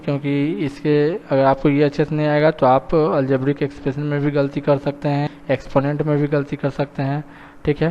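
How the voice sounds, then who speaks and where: A man's voice: on the high side, a little mellow, big-room sound, muffled recording. A man teaching a math lesson patiently, often checking in with his students. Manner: patient, repeats "thik hai" and "students" often.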